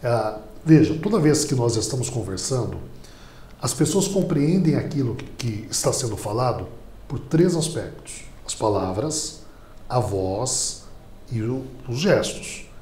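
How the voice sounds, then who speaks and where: A Brazilian man, a public speaking teacher on a podcast, explaining in an animated lecturing way. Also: mid-range voice, a little slow, slight background noise. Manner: animated, lively lecturing delivery. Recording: roomy studio echo.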